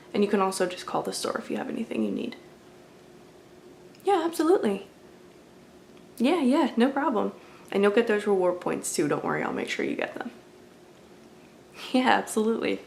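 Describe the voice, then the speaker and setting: Gravelly and mid-range, this woman's voice moves briskly in a sing-song way and pauses often, with a little background noise. Playing a warm, helpful video game store employee for ASMR, she chats politely and casually, apologizing along the way.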